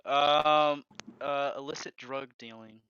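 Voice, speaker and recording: A man speaking over a choppy, glitchy call that breaks up with clicks. His bright voice comes through muffled, over a faint hiss. He talks casually and hesitantly, with many fillers. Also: medium pitch, steady tone, unhurried. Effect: choppy glitchy call audio. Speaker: podcast guest on a call. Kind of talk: casual group chat.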